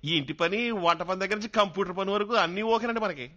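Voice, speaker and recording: A man's voice: high-pitched, rapid-fire, pushed and bright. A man dubbing a timid, talkative village man in a comedy film, pleading and rambling. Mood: chatty. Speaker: dubbing actor. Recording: dull film audio with music.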